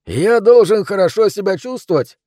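A gruff, aging police captain, played by a man, trades wry banter in a raised, pushed-up voice. The tone is dark and mellow, and the take is dry and close-miked. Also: high-pitched, lively intonation, moderate pace, no echo, pitched above the performer's own voice.

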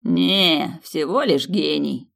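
A reader voicing a proud male high demon, a vain genius who sounds indignant and pompous. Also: animated, takes it slowly, creaky, a bit bright, exaggerated voice. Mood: relieved.

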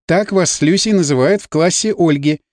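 A man reading an audiobook, voicing a short, friendly middle-aged mother who gently teases. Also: fairly high pitch, fairly quick, no room sound, natural voice. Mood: teasing.

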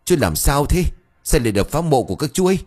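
A man's voice: on the high side, sing-song, quick pace, darkish tone, soft background music, pitched above the performer's own voice. A man voicing a frightened older brother who begs and pleads through tears. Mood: pleading. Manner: begging, tearful pleading.

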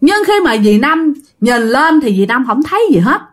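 Lively Southern Vietnamese woman storyteller. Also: high voice, normal speed. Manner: addresses listeners, imitates knocking sounds. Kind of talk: spoken ghost story.

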